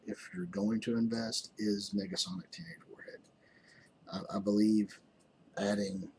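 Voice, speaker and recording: A man with a fairly low voice talks through a mobile game as a YouTuber, tired and rambling, pausing on ums and restarting sentences. A faint room hum sits behind him. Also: darkish tone. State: tired, yawning. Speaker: gaming YouTuber. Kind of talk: casual game commentary.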